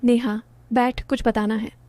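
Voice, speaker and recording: A woman's voice: fairly high pitch, flat delivery, unhurried, dark tone, no room sound, close to an everyday voice. A woman voicing a teasing young man.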